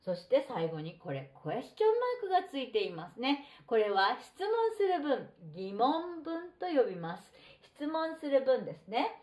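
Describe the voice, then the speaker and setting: A middle-aged woman teaching a textbook English lesson, reading model phrases slowly and deliberately. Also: a little high, sing-song, darkish tone. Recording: roomy echo.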